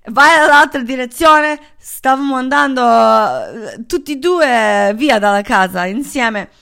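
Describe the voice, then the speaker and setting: Woman with as her telling a story, chatty and animated, slightly high voice, keeps laughing and tossing in words. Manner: animated, mixes English words into Italian, laughs often. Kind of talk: casual storytelling.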